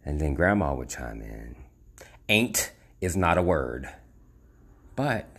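A man from the United States hosting a podcast, telling a personal story in a measured, reflective way with a wry edge. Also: low-pitched, creaky, darkish tone, breathy edge. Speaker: podcast host. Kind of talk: scripted personal monologue.

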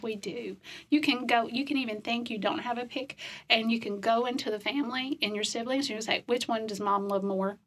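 A woman calmly recounting hard childhood memories in a slow, matter-of-fact way during a conversation. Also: a little high. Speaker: guest telling her life story. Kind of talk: personal storytelling in conversation.

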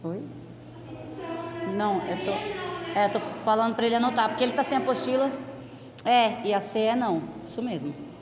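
A woman's voice: fairly high pitch, expressive, moderate pace, pauses often, a crowd in the background. A woman teacher with a Brazilian Portuguese accent, patiently explaining a lesson step by step and checking in with frequent tag questions. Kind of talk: classroom explanation. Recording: echoey, dull lo-fi room recording.

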